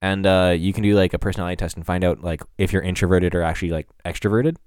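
A man's voice: low-pitched, steady tone, fast talker, darkish tone, clear, resonant tone. A young man co-hosting a casual podcast, explaining things at length with lots of fillers. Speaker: podcast host. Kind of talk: casual chat.

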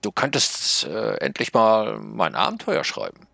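A man's voice: lowish voice, sing-song, measured pace, vocal fry, sharp tone, dry recording, voice pushed up, heavily acted. A man voicing a small grey female magic snail in a read-aloud story, in a raised, scolding voice. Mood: nagging. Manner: scolding, insistent.

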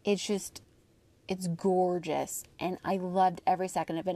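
A woman's voice: fairly low pitch, no echo. An American woman hosting a personal audio diary podcast, talking casually and candidly in an informal, chatty monologue with frequent asides.

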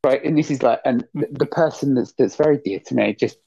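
Gravelly dark-voiced man ranting. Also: mid-range voice, brisk, no room sound. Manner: exasperated, rambling, swearing. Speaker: podcast co-host. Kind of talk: casual podcast chat, ranting. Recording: dull lo-fi dry recording.

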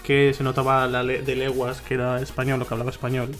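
A young man co-hosting a casual home podcast, a chatty storyteller with quick asides. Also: medium pitch, monotone, fairly bright tone, soft background music. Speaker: podcast co-host. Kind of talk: casual chat about video games. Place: home room, beside a laptop.

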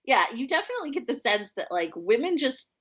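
A woman's voice: on the high side, very animated, a little fast, a bit bright, slightly rough, highs cut off. A woman chatting casually about a film she loves, full of "like" and "you know". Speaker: podcast co-host.

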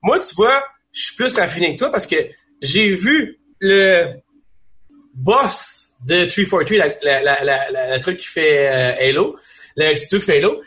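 A young man with a Quebec French accent, co-hosting a casual gaming chat, rambling and animated with many restarts. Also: a little high, a little slow. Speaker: podcast co-host.

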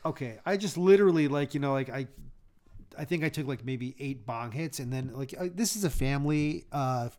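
A man's voice: medium pitch, a little fast, darkish tone. A man talking casually as a podcast guest, rambling and repeating his words in a laid-back way. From United States. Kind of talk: casual chat.

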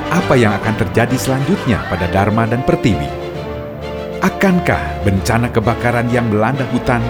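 Dramatic male radio serial announcer, lively intonation. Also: mid-range voice. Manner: dramatic, formal delivery. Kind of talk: scripted old radio serial announcer narration. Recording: music behind the voice. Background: loud music.

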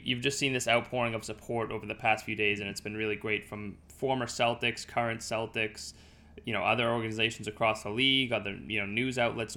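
A man's voice: on the low side, pushed and bright. A man hosting a sports podcast in a conversational style.

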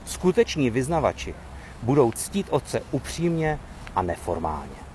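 A man reading the lines of a calm, authoritative male teacher from scripture in a gentle, earnest way. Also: mid-range voice, slight background noise, close to an everyday voice. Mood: solemn.

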